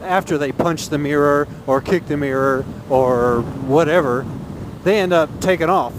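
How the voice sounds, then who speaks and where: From inside a motorcycle helmet, a Texan motovlogger speaks at a measured pace in a slightly high voice, giving casual, earnest opinions while riding. He repeats phrases to make his point, and the helmet microphone picks up heavy wind and engine noise.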